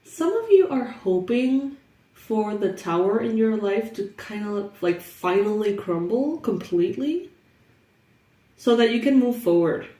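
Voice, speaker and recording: A woman's voice: medium pitch, big pitch swings, unhurried, dark tone, reverberant, recorded from a distance. A young woman with a stuffy, congested nose, chatting casually through a tarot reading and laughing often. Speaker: tarot reader.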